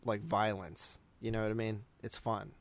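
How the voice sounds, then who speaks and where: A man with a fairly low pitch and flat delivery speaks at normal speed while co-hosting a podcast. He chats casually about movies, with wandering phrasing that frequently circles back.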